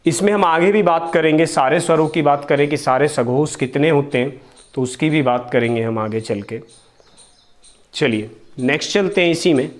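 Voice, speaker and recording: A young man teaching a grammar lesson, speaking slowly and repeating each sound for his pupils to copy. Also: fairly high pitch. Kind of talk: online Hindi grammar lesson.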